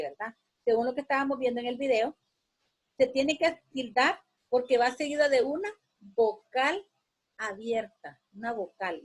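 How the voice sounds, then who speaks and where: A woman teacher giving a slow, explanatory grammar lesson, repeating words and checking in with her students. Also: on the high side, husky.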